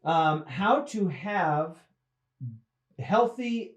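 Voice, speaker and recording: A man's voice: high-pitched, expressive, extremely slow, husky, dull audio. A man hosting a casual livestream as a pastor, cheerfully greeting viewers by name, a bit tired. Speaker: host and pastor.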